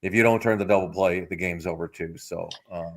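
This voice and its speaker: A middle-aged man co-hosting a baseball podcast, talking in a measured, hedging way full of "you know"s. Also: low voice, steady tone. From United States. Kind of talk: casual sports chat.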